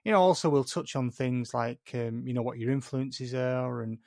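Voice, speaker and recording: A man's voice: mid-range voice, moderate pace, vocal fry, darkish tone, no echo, studio quality. A man hosting a podcast interview in an informal, matey way with some mild swearing. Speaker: podcast host.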